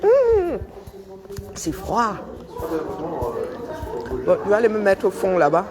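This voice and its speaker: A woman with a Cameroonian French accent who films her coworkers on her phone in a workplace break area. She talks loudly and teases them with joking banter. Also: mid-range voice, a little slow, a crowd in the background. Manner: loud, teasing, joking banter. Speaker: vlogger filming coworkers. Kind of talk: casual workplace vlog chat. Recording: coworkers chatting in the background.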